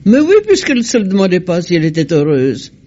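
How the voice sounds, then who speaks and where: An older woman answering interview questions slowly and with halting restarts, heard from an old worn tape archive. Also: fairly low pitch, very animated, warm tone. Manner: slow, hesitant, halting restarts. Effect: old worn tape archive recording. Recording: dull lo-fi old tape with faint music.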